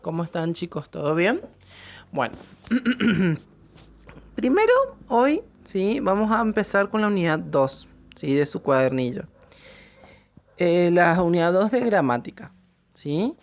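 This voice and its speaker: A woman's voice: lowish voice, big pitch swings, measured pace, long pauses. A woman teacher, explaining English grammar to her pupils and checking after each point that they follow. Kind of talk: recorded classroom lesson.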